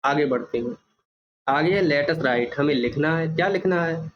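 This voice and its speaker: A man walks children through an English workbook, his voice a bit high for a man. He spells and repeats each word slowly and patiently. The recording is muffled, with a faint hiss behind him. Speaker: teacher.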